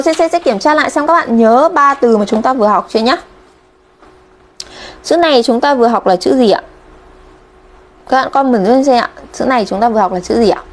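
A fairly high-voiced woman from Vietnam leads a live-streamed Japanese kanji lesson. She talks in a chatty, friendly way and keeps checking in with her viewers. She sounds like a teacher speaking straight to her online class.

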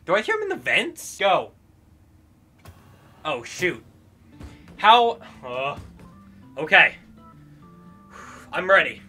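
Young man, high-pitched bright voice, excited game streamer, exclamatory jokey slang, music behind. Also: slow, pauses often. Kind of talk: excited gameplay commentary.

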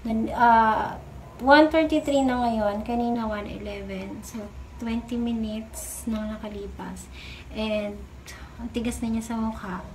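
A woman's voice: fairly high pitch, fairly even intonation, unhurried, slight background noise, low-quality recording. Woman talking through a stiff face mask. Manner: chatty, addresses viewers as guys. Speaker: beauty vlogger. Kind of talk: casual product review vlog.

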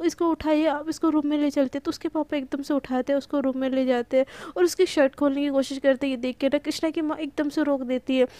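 Hoarse woman retelling a story. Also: high-pitched, warm tone, no room sound. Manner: breathless, many fillers, fast retelling. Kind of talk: casual storytelling narration.

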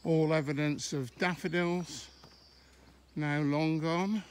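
A middle-aged man from England, vlogging a country walk on his phone, keeps up a casual running commentary and trails off mid-sentence at times. His tone is steady and slightly high, over faint outdoor background noise across the lanes and fields.

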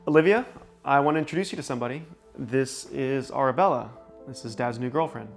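A man's voice: mid-range voice, fairly quick, creaky, lightly acted. An actor playing a young father with a casual, informal way of talking in a naturalistic drama. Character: casual father introducing his new girlfriend to daughter. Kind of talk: naturalistic scripted drama acting. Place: indoors in an apartment. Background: background music.

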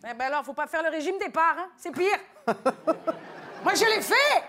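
A loud flirty tunisian auntie, really high voice, gossipy and rambling, studio crowd laughing behind. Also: female voice, animated, moderate pace, a little hiss or hum, full character voice. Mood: flirty gossip. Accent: Tunisian French. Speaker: comic guest. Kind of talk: TV comedy sketch character.

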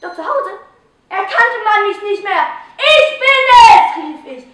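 A woman's voice: extremely high pitch, animated, slow pace, heavy background noise, heavily acted. A woman playing a clumsy, exasperated storyteller. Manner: dramatic recitation with voiced quotes. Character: hapless woman telling of falling on ice again and again. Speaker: stage actor in a school theatre group. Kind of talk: theatrical first-person storytelling. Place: stage in a hall. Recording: echoey hall from far off.

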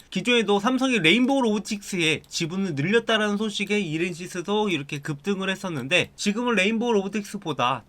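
A man hosts a stock channel and talks his viewers through the market in a persuasive, salesy way. His voice sits a little high, and he keeps addressing the audience directly. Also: a bit bright.

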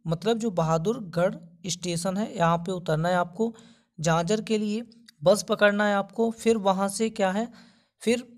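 A man hosting a job-vacancy channel, giving a voice-over announcement and repeating instructions step by step. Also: sits high. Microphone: voice-over over screen notes.

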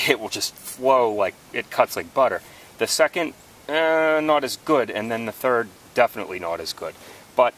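A man's voice: lowish voice, fairly bright tone, slight background noise. A man hosting a hands-on woodworking demonstration, explaining his technique in a practical, thinking-aloud way with small restarts, recorded on the camera mic outdoors and then in a garage. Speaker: woodworking channel host.

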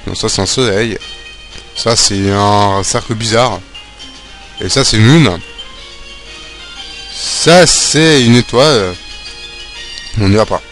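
A young man talks through his game run in a loose, chatty way. He gets excitable and swears at the screen when a fight turns against him. Faint game music plays underneath. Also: on the low side, slow pace, pauses often. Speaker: let's play gamer. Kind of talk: live game commentary.

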